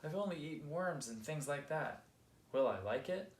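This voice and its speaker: A man voicing a young, excitable and mischievous male magpie in a raised, chirpy, childlike voice for a storybook. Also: fairly high pitch, normal speed, natural voice. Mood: worried. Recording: roomy echo.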